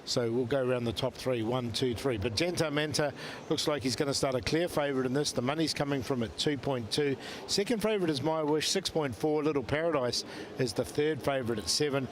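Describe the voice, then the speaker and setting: A man's voice: medium pitch, fairly quick, slight background noise. A man giving live commentary on betting markets for a horse racing broadcast. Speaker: betting analyst.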